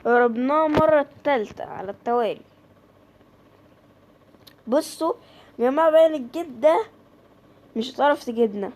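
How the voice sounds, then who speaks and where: High-voiced Egyptian woman gaming. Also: brisk, pauses often, a little mellow, a little hiss or hum. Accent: Egyptian Arabic. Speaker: gaming creator. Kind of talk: horror game let's play commentary.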